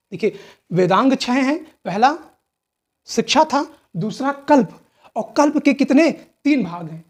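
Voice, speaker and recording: A woman's voice: fairly high pitch, a little mellow. A woman teaching a history lesson for exam preparation, with a north Indian Hindi accent. She asks questions and answers them herself, repeats key terms, and often checks in with "theek hai na". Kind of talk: exam-prep lecture.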